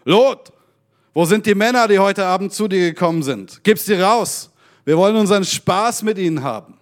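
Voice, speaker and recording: A man voicing an angry mob of men shouting threats during a read-aloud sermon. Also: sits high, animated, normal speed, voice pushed up. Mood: furious.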